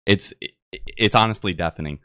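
Young male podcast host, very low voice, dry close sound, jokey, halting delivery. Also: sharp tone, no room sound. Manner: joking, halting, many restarts and "uh". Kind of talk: casual podcast interview.

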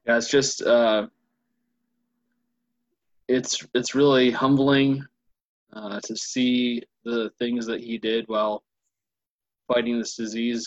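A man's voice: medium pitch, dry recording. A man co-hosting a movie podcast in casual chat, with a dry, wry humor. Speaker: podcast co-host. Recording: dull, dry lo-fi mic.

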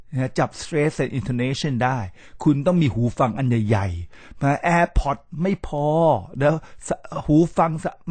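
A middle-aged man hosting a podcast about English, talking to listeners in a casual lecture style, animated and sliding in English words as he demonstrates how they are said. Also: on the high side, no echo. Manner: animated, mixes English words into his talk, demonstrates pronunciation. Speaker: podcast host teaching English.

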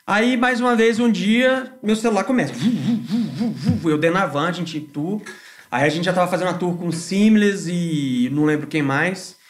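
A man, a band musician telling stories on a casual podcast in an animated, slangy way. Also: high voice, moderate pace. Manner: animated, slangy, swears freely.

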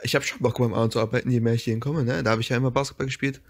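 A man's voice: mid-range voice, flat delivery, very fast. A young man chatting on a podcast with friends. He tells his story casually, breaking into laughter and acting out what everyone said. He talks in slang and swears freely. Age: young adult. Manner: laughs often, acts out dialogue with swearing and slang.

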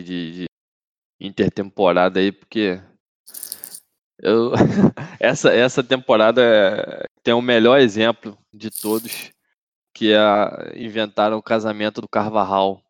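A man's voice: lowish voice, level tone, a little slow, clean tone, dry recording. A man with a Brazilian Portuguese accent chatting casually and in slang on a football podcast, recorded with dull, lo-fi sound. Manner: slangy, conversational. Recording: dull, lo-fi microphone audio.

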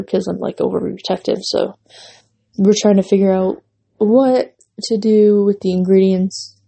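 A young woman hosts her own casual solo podcast, wandering between thoughts with plenty of fillers and restarts. Her mid-range voice is husky, dark and gravelly, and she sounds stuffy and worn, losing her voice with a runny nose.

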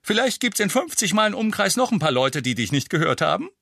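A man's voice: sits high, big pitch swings, a little fast, creaky, sharp tone, no room sound, studio quality, voice pushed up, exaggerated voice. Man playing a cheeky teasing wizard twin. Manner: teasing, grinning.

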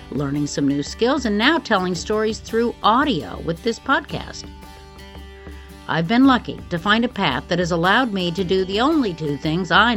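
A woman's voice: on the low side, fairly bright tone. A woman podcast host telling her own story in a scripted but conversational narration. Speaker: podcast host, former television reporter. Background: music bed.

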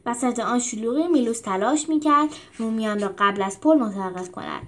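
A woman hosting a show, reading a storybook aloud in a steady narrating voice. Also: a little high, very noisy. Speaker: storyteller and host.

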